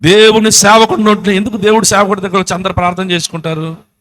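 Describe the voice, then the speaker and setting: A man's voice: high-pitched, little pitch movement, fast, a bit bright. A man with a Telugu accent preaching a church sermon, telling the story with rhetorical questions and acting out voices. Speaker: pastor.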